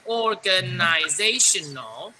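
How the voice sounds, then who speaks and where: A man leads an online English lesson, coaxing his class through repeat-after-me drills. His tone is patient and encouraging, each phrase softened with a little "ha". The video-call sound carries plenty of students' voices in the background. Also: sits high, lively intonation, takes it slowly, over a noisy crowd, poor audio. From Taiwan. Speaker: English teacher. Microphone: computer mic on a video call. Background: students' voices on open mics.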